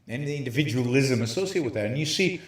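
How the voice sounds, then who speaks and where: A man hosting a livestream, lecturing emphatically from a hotel room with very high ceilings, his voice carrying a hollow cave-like echo. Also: expressive, fast talker. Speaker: show host. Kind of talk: livestream talk on philosophy.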